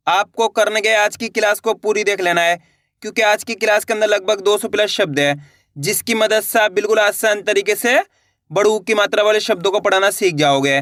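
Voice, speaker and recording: A teacher giving an online reading lesson, stretching each word out slowly and repeating it, coaxing viewers along in a friendly way. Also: medium pitch, a bit bright, dry recording, clean studio sound.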